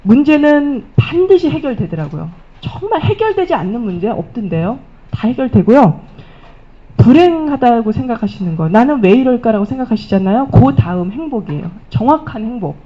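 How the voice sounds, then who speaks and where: Lively woman giving a stage testimony. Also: on the high side, brisk. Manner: animated storytelling, acting out quoted remarks. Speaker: speaker at a business recognition event. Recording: dull lo-fi event recording.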